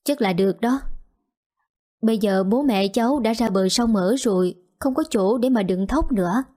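A woman's voice: fairly high pitch, normal speed, warm tone, lightly acted. A woman voicing a poor young village girl, timid but determined, speaking in a pleading, hesitant way in an audio story.

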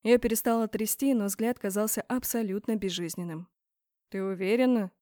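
A woman's voice: medium pitch, fairly quick, dark tone, dry recording. Woman reading a fantasy audiobook, tense dramatic delivery, dead dry sound. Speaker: audiobook narrator. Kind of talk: first-person audiobook narration.

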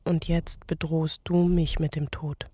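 A woman narrating as a grown daughter in a radio play, quiet, bitter and reflective as she addresses her mother. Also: sits low, little pitch movement, a little slow, a little hiss or hum.

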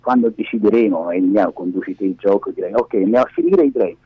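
Calling in to a radio show, this middle-aged man, a media activist who directs a lab, speaks quickly in a lowish, slightly rough voice. His casual talk is emphatic and full of tangents, and the phone pressed to his face makes the sound muffled and echoey.

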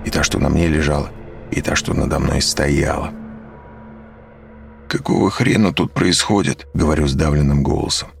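A man narrating a story in first person, calm and wry. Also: rumbling low, fairly quick, gravelly, a little hiss or hum.

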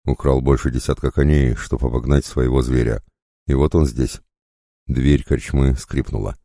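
Male audiobook narrator, extremely low and dark voice, measured delivery, very dry close sound. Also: fairly even intonation, dry recording.

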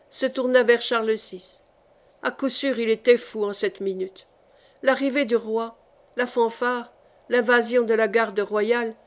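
A woman narrating a historical novel as an audiobook, in a measured, dramatic reading. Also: a little high.

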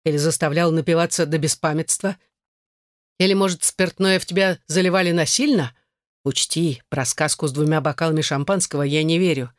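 A man's voice: a little high, steady tone, a little fast, no echo, clean studio sound, natural voice. A man reading an audiobook voices a hot-tempered young husband who growls through his teeth. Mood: seething.

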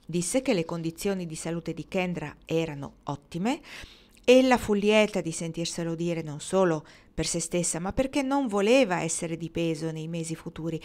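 A woman reading a historical novel aloud in a calm, measured storytelling manner. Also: fairly low pitch. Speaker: audiobook reader.

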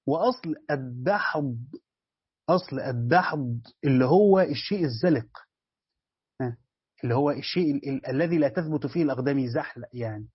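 Egyptian male lecturer, husky and quick, slightly higher voice, dull dry lo-fi recording, explains step by step. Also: dry recording. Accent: Egyptian Arabic. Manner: explains step by step, repeats words, addresses students directly. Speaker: Islamic studies teacher. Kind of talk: lesson commentary on a tafsir text.

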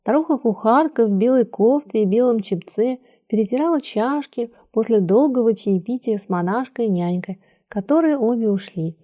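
A woman with a mellow, warm tone reads a story aloud. Her narration is measured and even, in the manner of a scripted audiobook. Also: fairly high pitch.

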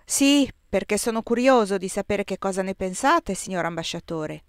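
A woman reading aloud, voicing a blunt, deaf middle-aged male composer in slow, emphatic speech. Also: mid-range voice, lively intonation, smooth, no room sound, clean studio sound, close to an everyday voice. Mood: earnest.

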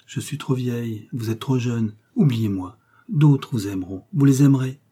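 A man's voice: medium pitch, normal speed, dark tone, husky, close to an everyday voice. A man voicing a wistful, coy young woman in a read-aloud novel. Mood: gentle refusal.

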